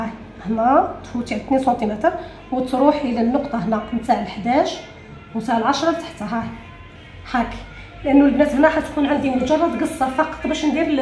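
A woman with an Algerian Arabic accent teaching a sewing tutorial, talking quickly to viewers and often correcting herself. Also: high-pitched, a little mellow, reverberant. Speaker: sewing instructor. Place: room at a cutting table.

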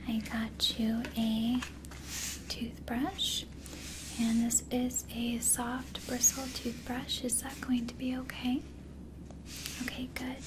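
Woman acting a slow whispering flight attendant, whispered role-play. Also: a little high, background noise. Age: young adult. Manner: soft, slow, soothing whisper. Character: attentive, gentle female flight attendant soothing a passenger. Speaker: ASMR performer.

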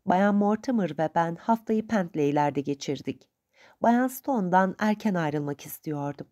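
A woman reading the lines of a spirited, proud young woman, speaking quickly and emphatically in a raised voice. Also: lowish voice, lively intonation, mellow.

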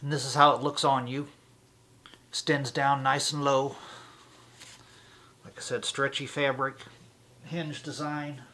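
A man's voice: mid-range voice, level tone, pushed and bright. Man talking through a face mask. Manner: halting, with frequent filler pauses. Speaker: product reviewer. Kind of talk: casual product review.

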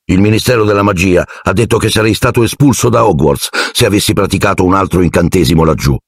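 A man's voice: deep voice, quick pace, breathy edge, no echo, studio quality. A man voicing an indignant teenage boy wizard who speaks bluntly and defiantly.

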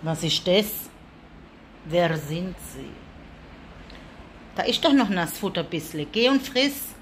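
A woman's voice: animated, takes it slowly, slight background noise. Chatty woman vlogging with cats. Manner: chatty, coos and calls to her cats in a high sing-song. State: allergic, coughing. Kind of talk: casual vlog talk to cats and viewers. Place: room with cats, indoors.

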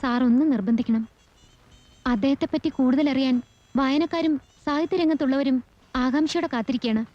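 An eager young woman, played by an actress, polite and deferential as she pleads her case. Her voice is high, and it comes through a dull, lo-fi old film soundtrack. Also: fairly quick, dry recording, lightly acted. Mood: earnest. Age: young adult. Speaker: actor. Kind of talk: film acting.

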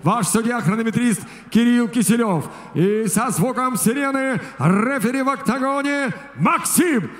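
A man working as a ring announcer, delivering a booming stage introduction for a fight in a large arena. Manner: booming stage introduction with drawn-out shouted names and rapid-fire stats. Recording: echoey arena PA, some background noise.

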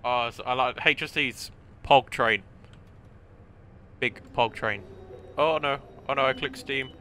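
A man's voice: medium pitch, bright, forceful tone, a little hiss or hum. Upbeat man streaming a train game. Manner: upbeat, chatty, with sound-effect exclamations. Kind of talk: casual gameplay commentary.

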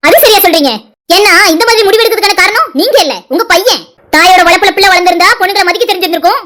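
A woman's voice: very high-pitched, racing, fairly bright tone. A woman voicing an angry pregnant young wife in a cartoon drama, accusing and sarcastic. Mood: furious.

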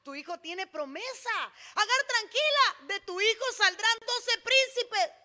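Calm fatherly deity, solemn and reassuring, voiced by a woman preacher. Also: high-pitched, normal speed, pitched below the performer's own voice.

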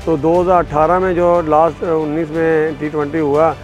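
A middle-aged Pakistani groundsman, the stadium caretaker, gives an informal interview to camera for a sports documentary while sitting out on a cricket stadium field. His slightly high voice is level and darkish at a moderate pace, picked up on a lapel mic with music underneath and a lo-fi sound.

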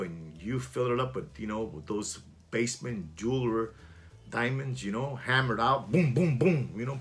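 A man in his sixties who hosts a watch channel, talking casually and emphatically to camera from a small room at home, repeating his points with animated gestures. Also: medium pitch.

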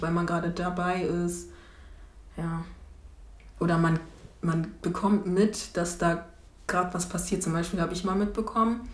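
A German woman in her twenties, interviewed for a documentary, reflects on past events hesitantly, restarting and using fillers. Her pitch is ordinary and mid-range, and the lapel mic picks up a noticeable roomy echo. The testimony takes place in a small indoor room and out on the street.

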